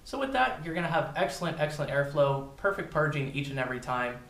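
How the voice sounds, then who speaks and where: A man's voice: a little high, very animated, fast, a bit bright, roomy sound. A man giving a casual, informal product review, talking directly to his viewers. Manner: informal, addresses viewers as "you guys".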